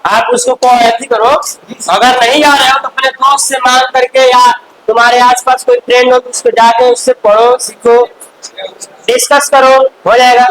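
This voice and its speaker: Male classroom teacher, strikingly high-pitched, quizzes and scolds students, faint hissy recording. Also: little pitch movement, a bit bright, low-quality recording. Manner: quizzes students with quick questions and answers; scolding, chatty asides to students. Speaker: chemistry teacher. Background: faint hiss.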